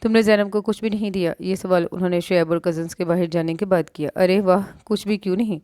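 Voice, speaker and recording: A woman with a Pakistani Urdu accent reading a romance novel aloud, voicing every character herself and lifting her pitch for the dialogue. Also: steady tone, fast talker, dark tone, dry recording, studio quality. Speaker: novel narrator. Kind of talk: audiobook narration of a romance novel.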